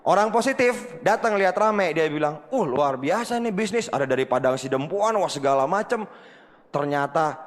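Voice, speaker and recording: A man's voice: on the high side, normal speed. A man giving a motivational seminar talk, telling a story and acting out the voices of people in it while speaking straight to the audience. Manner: animated, addresses the audience again and again, acts out quoted dialogue. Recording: long reverb of a hall.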